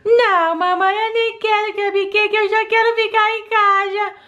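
A woman's voice: extremely high pitch, steady tone, a little slow, bright, forceful tone, highs cut off, pitched above the performer's own voice, full character voice. A woman voicing a sad, stubborn little doll girl who talks in a whiny, pleading way, for a doll play story.

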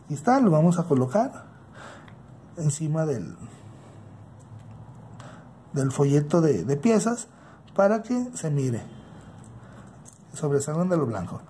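A man with a Mexican accent narrating a casual hands-on toy unboxing, unhurried and halting as he thinks aloud. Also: a little high, very animated, dark tone, a little hiss or hum. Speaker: toy unboxing channel host. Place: indoors at a tabletop.

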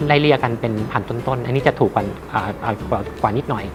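A man giving an informal product demonstration as a seller, haltingly, with many repeats and hesitations. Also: mid-range voice, noisy background. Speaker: radio equipment seller.

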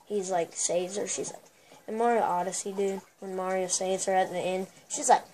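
Excitable girlish woman trash-talking gameplay. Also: mid-range voice, normal speed. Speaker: gameplay commentator. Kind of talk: casual gameplay commentary. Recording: noisy recording with steady hiss.

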